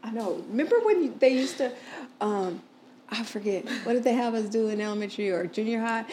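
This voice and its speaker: A woman's voice: a little high, brisk, slight background noise, low-quality recording. A woman co-hosting a casual podcast chat, giggly and a little tipsy. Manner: giggly, relaxed, a bit tipsy. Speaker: podcast co-host.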